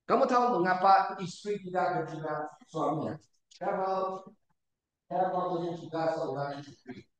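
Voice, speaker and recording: A man preaching a sermon to a congregation, repeating words and shouting for emphasis, often putting questions to his listeners. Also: sits high, unhurried, highs cut off, a little hiss or hum. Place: church hall. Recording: very echoey church hall, far from the mic.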